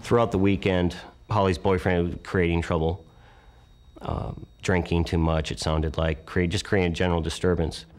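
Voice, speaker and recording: A police detective in an interview, matter-of-fact and factual. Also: male voice, low voice, level tone, normal speed, a little mellow, slight background noise.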